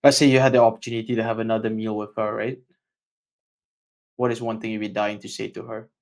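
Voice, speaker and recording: A man's voice: on the low side, level tone, fast talker, a little mellow. A man interviewing a guest in an informal, conversational way. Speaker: podcast interviewer.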